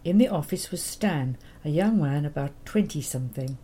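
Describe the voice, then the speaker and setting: An elderly woman reads from her memoir in a low, mellow voice. Her telling is gentle and quietly wry. She keeps an even storyteller's pace. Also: moderate pace, slightly rough. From England. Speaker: memoir narrator. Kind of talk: reading a childhood memoir.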